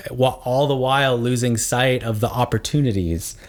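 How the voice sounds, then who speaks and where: A man's voice: medium pitch, normal speed. A man co-hosting a podcast in casual chat, agreeing with his partner and building on her points. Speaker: podcast co-host.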